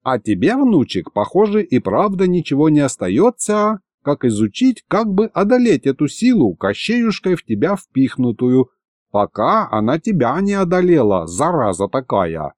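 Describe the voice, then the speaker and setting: A man's voice: fairly high pitch, sing-song, normal speed, darkish tone, no echo, studio quality, voice pushed up. A man voicing an old grandfather mentor who talks in folksy rustic speech. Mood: folksy scolding.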